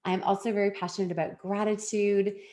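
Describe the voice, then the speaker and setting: A woman speaking in a middle-pitched voice leads a live webinar. She talks to her viewers in a chatty, upbeat way and sounds enthusiastic about her program. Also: flat delivery, brisk, mellow. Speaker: founder presenting her wellness program.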